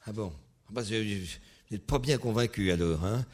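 Husky man leading a word game. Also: on the low side, normal speed. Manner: animated, hesitant, with many restarts and fillers.

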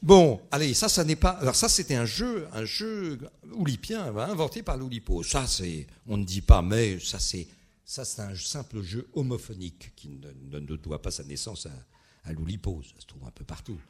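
A man leading a wordplay game with an audience, animated and hesitant, full of restarts and fillers. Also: on the low side, moderate pace, husky. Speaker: word game leader.

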